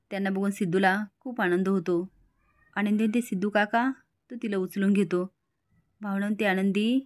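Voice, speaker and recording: A woman retelling a TV serial in brisk narration, speaking the characters' lines mostly in her own plain voice. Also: mid-range voice, no echo, studio quality. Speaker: storyteller. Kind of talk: recapping a TV serial, reading all the dialogue.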